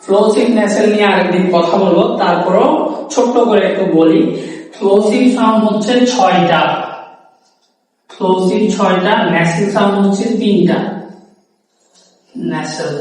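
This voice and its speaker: A young man with a high voice teaches pronunciation, drawing out single sounds one by one and slipping English words into his explanation. He sounds far from the mic in an echoey room with a long ring after each phrase. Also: darkish tone. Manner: repeats single sounds slowly and stresses points; mixes Bengali and English. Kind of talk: video lesson.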